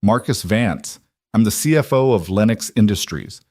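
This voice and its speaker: A wealthy executive in his forties speaks in a curt, impatient manner, as a storyteller reads his lines. The voice is low and the sound dry and close. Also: expressive, normal speed, darkish tone, dry recording. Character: wealthy middle-aged male executive, brusque.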